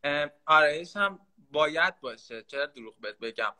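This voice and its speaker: A man's voice: a little high, lively intonation, bright, forceful tone. A man in his twenties from Iran, a guest on a video call, talkative and playful. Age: 20s. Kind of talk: casual live-stream chat.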